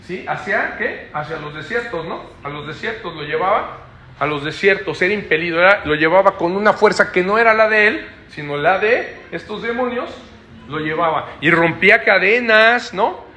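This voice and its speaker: Male preacher, high bright voice, teaching style with frequent rhetorical tags. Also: moderate pace. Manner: explanatory, asks listeners frequent rhetorical checks. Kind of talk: Bible study preaching.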